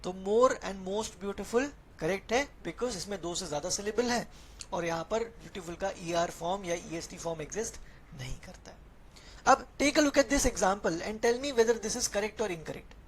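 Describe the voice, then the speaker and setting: A woman with an Indian accent teaches English grammar in an online class, switching between Hindi and English. She explains patiently, asks her students questions and reads their chat. Her mid-range voice is animated but unhurried, with slight background noise.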